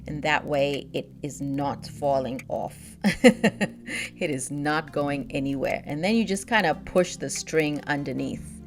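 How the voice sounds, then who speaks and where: A beauty vlogger, a young woman raised in Nigeria and the United States, reviews a product in her vlog with a low voice, speaking slowly over soft background music. She's upbeat and chatty, laughing often.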